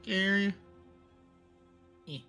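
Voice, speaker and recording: A game master narrating a tabletop game casually and haltingly, with muttered, sweary asides. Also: mid-range voice, fairly even intonation, sharp tone, soft background music.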